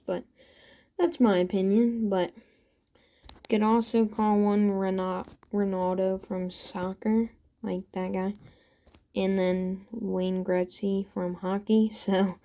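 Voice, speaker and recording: A woman hosting a toy-building channel, walking through her builds in a casual show-and-tell with relaxed, unsure asides. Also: medium pitch.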